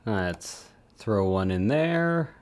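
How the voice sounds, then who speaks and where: A man with a lowish, slightly mellow voice chats casually on a live stream as he works, stretching his words out expressively. He's a streamer who supports 3D print models, and he rambles along with self-mocking asides.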